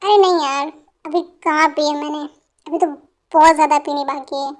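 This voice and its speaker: A woman dubbing a drunk, self-pitying young man who talks slowly and mournfully. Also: steady tone, close to an everyday voice. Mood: boastful. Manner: slow, low, mournful. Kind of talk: fan dubbing.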